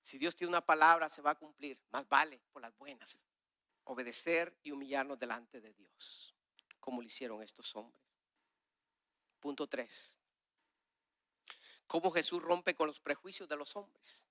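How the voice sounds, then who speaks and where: High, bright-voiced man preaching. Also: measured pace, long pauses, no echo, studio quality. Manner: swings from loud urgent exhortation to hushed confessional asides; acts out dialogues with God and others. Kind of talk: sermon with personal testimony.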